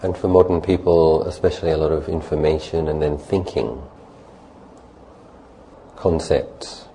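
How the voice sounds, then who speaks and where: A meditation teacher with a very low, soft-edged voice guides a meditation, speaking calmly in short, unhurried phrases separated by long pauses. Faint ambient noise sits behind him, and the audio quality is poor.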